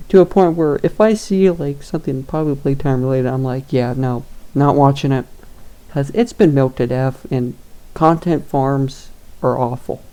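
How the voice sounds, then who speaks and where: A man's voice: a little high, mellow. A young man giving casual tier-list commentary, rambling and hesitant with lots of fillers and chuckles. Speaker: YouTuber ranking games.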